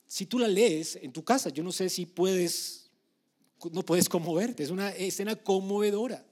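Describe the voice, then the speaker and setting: Male preacher with a high-pitched voice, emphatic sermon delivery that swings from soft to loud. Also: normal speed, slightly rough.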